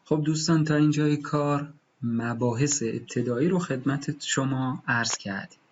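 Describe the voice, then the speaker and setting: A man teaching German pronunciation, patiently repeating each example word slowly. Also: mid-range voice, muffled recording, a little hiss or hum. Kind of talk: pronunciation lesson.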